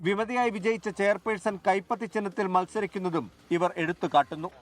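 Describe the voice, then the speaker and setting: A man reporting a news package as scripted voice-over, in a measured, emphatic delivery. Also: sits high, no echo.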